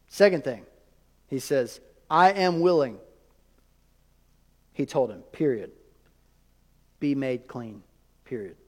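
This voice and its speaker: A man pastor delivering a sermon, swinging from loud emphatic lines to hushed, almost whispered ones. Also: sits high, in a large hall.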